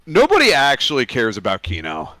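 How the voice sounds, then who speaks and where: Bright, dry-voiced laid-back podcast man. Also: medium pitch, huge pitch swings, dry recording. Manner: laid-back, measured, casual slang. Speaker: podcast co-host. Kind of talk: casual gaming chat.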